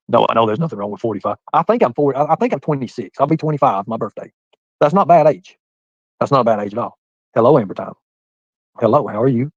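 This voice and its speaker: A man in his forties rattles along quickly in a casual live-stream chat, rambling and addressing viewers one by one. His voice sits at an ordinary pitch. The sound is dry and a little dull, like lo-fi stream audio. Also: a little mellow, no room sound. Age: 40s. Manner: rambling, talks straight to viewers by name. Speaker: livestreamer reading chat.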